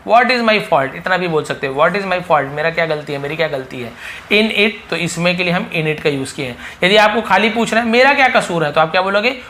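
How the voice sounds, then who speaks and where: A man's voice: sits high, sharp tone. A man teaching spoken English in a casual lesson, repeating each phrase and asking rhetorical questions.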